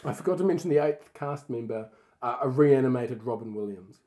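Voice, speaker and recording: A man co-hosting a casual comedy chat, a little tipsy from wine, pitching a ridiculous movie idea with mock seriousness and frequent laughter. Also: animated, fairly quick, dark tone. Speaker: podcast co-host.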